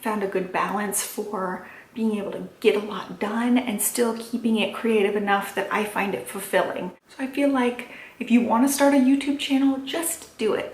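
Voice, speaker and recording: Female vlog host, slightly high voice, reassuring and chatty but held back in volume, recorded in an echoey room. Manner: quiet, held-back talking to avoid waking her baby; encouraging, reassuring. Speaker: crafting channel host. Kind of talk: casual chatty vlog talk.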